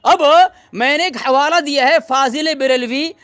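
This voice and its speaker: Commanding man in a debate, mocking and firm, very high, sharp voice, dry close sound. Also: a little slow, no room sound. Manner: commanding, demands silence, mocking. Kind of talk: heated religious debate addressing listeners.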